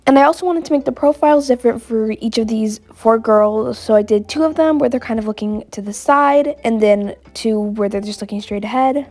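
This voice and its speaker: A woman with a cold talks through her drawing in a casual, gushing way, clearly enjoying the process. Her voice sits a little high. Soft music plays faintly underneath. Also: fairly quick, few pauses. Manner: bubbly and gushing. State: has a cold. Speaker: art vlogger. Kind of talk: casual voice-over narration of a drawing.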